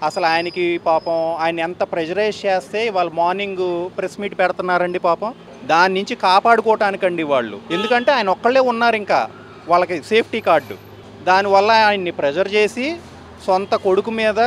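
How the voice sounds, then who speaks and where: A young theater owner with an Andhra Telugu accent makes an agitated, pleading statement to the press, repeating his points. His voice is high-pitched and a bit bright, with slight background noise.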